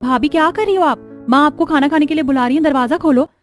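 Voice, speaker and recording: A woman's voice: high voice, fast, faint music behind, lightly acted. A woman voicing a cheerful teenage girl in a cartoon story, chirpy and pleading. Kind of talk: cartoon voice acting.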